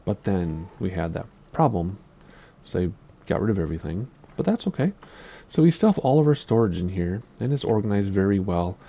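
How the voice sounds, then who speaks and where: Male gamer, Minnesotan accent, low mellow voice, rambling casual commentary. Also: big pitch swings, a little fast, vocal fry. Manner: rambling, asks himself questions aloud. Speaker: Minecraft YouTuber giving a base tour.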